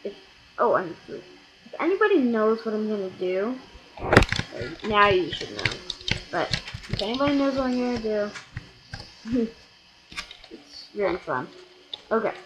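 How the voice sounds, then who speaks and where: Unhurried and pausing often, a medium-pitched let's play gamer offers casual commentary on a block-building game, wandering, correcting himself, and bursting with sudden excitement. Background noise fills his home computer recording.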